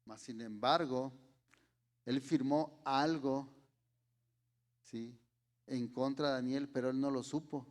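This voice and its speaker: A man with a Mexican Spanish accent preaching a sermon in a slow, deliberate way, often checking in with his listeners. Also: mid-range voice, steady tone.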